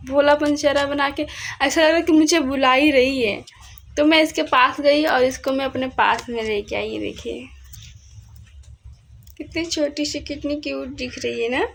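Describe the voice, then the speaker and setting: A woman's voice: high voice, vocal fry, fairly bright tone, slight background noise, poor audio. A young woman chatting casually in a home vlog, repeating herself as she talks about a kitten she found. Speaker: vlogger. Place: at home, near a railway line.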